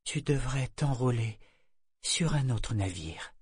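A man voicing a young woman sailor disguised as a boy in a storybook reading; he keeps her quiet, steady and earnest. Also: mid-range voice, slow pace, husky, no room sound, exaggerated voice. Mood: grave. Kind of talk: audiobook character reading.

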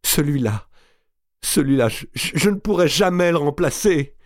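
A man's voice: a little high, lively intonation, moderate pace, no room sound, studio quality, pitched above the performer's own voice, lightly acted. A man voicing a grieving young woman who pleads and wails through her sobs, his voice pushed well above his own. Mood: sobbing. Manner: wailing, pleading, broken by sobs.

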